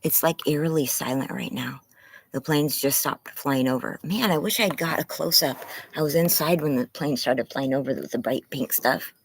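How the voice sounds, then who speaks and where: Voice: mid-range voice, moderate pace, slight background noise. Anxious livestreamer talking through a face mask. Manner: apologetic, rambling. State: strained tired throat, voice wearing out. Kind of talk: casual livestream chat. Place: outdoors in a yard.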